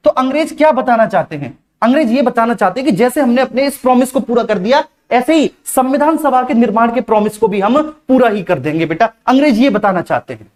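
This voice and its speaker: A male teacher giving a live online class, speaking slowly and deliberately, repeating key points and calling his students "beta". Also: extremely high pitch, expressive, darkish tone. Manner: slow, deliberate delivery.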